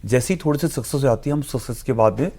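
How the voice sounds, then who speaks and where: A man with a gravelly, creaky voice at an ordinary middle pitch, talking as a studio guest analyst. He explains earnestly and with emphasis, dropping English phrases into his sentences. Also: quick pace, dark tone.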